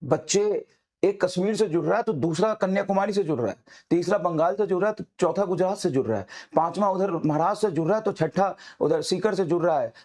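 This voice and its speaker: A man's voice: high voice, darkish tone. A man who teaches exam coaching gives a fiery motivational talk to his students, hammering the same phrases again and again.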